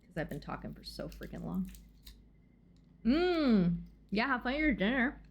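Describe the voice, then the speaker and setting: A woman livestreamer chatting casually with her audience in a cute, bubbly, excitable and gushing way. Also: on the high side, moderate pace, gravelly, lo-fi sound. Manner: excitable, exclamatory. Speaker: livestreamer and host. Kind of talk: casual livestream chat, greeting raiders and thanking gifters.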